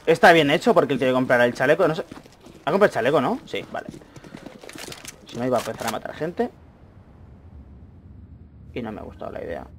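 A young man commentating his own gameplay, chatty, with excited outbursts and muttered asides. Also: medium pitch, brisk, pauses often. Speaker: gaming YouTuber. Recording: faint noise, mouse and keyboard clicks.

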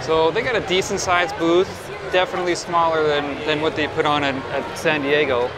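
A collectibles video host with a slightly high voice speaks at normal speed with fairly even intonation, giving an informal, off-the-cuff booth tour on an indoor convention hall show floor. He casually offers mild opinions as he goes. Heavy background noise and loud music fill the busy hall.

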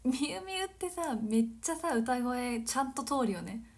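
Twenties girl from nagano just chatting on stream, kinda high voice, lots of giggles. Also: lively intonation, moderate pace. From Nagano, Japan. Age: 20s. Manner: chatty, giggly, trailing off into soft asides. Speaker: livestream host. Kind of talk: casual chat reading viewer comments.

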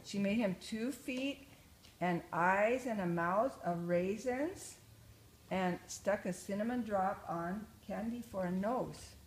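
An older woman, a grandmother, reading a children's story aloud with expressive, rhythmic storytelling. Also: mid-range voice, slow pace. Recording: echoey room, faint noise.

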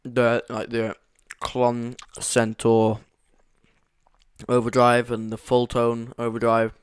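A man's voice: mid-range voice, completely flat delivery, slow pace, clean tone, no echo. A young man chatting casually as a podcast co-host, rambling and enthusiastic, right up close to his microphone. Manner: rambling, enthusiastic, full of fillers. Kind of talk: casual chat.

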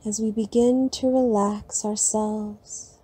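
Sleep meditation guide: woman, very slow and breathy, soft and soothing. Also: mid-range voice, steady tone.

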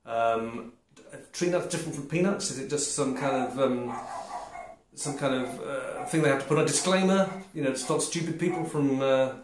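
A man in his forties talks casually to camera in an echoey glazed room with noticeable noise behind him. His delivery is halting, with muttered remarks between mouthfuls, in the manner of a homemade food review. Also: mid-range voice. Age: 40s. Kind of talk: casual snack tasting chat to camera. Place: small glazed conservatory. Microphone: camera a short distance away. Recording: roomy echo, clear background noise.

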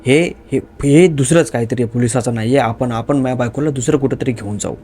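A man's voice: medium pitch, fast talker, mellow. A man narrating a horror story in a dramatic, vivid storytelling manner.

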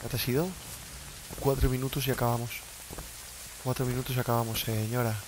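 A man's voice: medium pitch, flat delivery, a little fast. Swearing man from Spain streaming. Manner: chatty, swears freely, talks to chat. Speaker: streamer playing a horror game. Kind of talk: casual gameplay commentary. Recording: loud rain noise behind.

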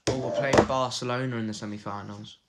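A man's voice: medium pitch, steady tone, brisk, heavy background noise. A man giving casual gameplay commentary, chatting and reacting aloud to a football game with the odd swear. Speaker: gaming channel host.

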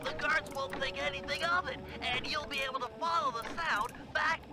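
A man's voice: extremely high pitch, normal speed. A man voicing an earnest, eager, nerdy young male turtle inventor with a nasal voice in a cartoon video game. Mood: reassuring. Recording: game music behind the voice.

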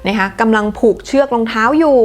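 A woman hosting a casual English lesson, switching between Thai and slow, careful English as she explains spelling rules. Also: a little high, darkish tone. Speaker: English teacher.

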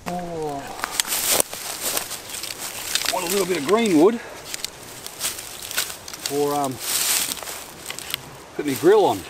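A man's voice: a little high, animated, slow. A middle-aged Australian man chatting casually to camera while camping and fishing on a riverbank at night. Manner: laid-back, chatty, self-amused. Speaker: outdoor vlogger. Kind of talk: casual camp narration. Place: riverbank campsite at night, outdoors. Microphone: camera mic at a distance. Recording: distant camera mic, outdoor night noise.

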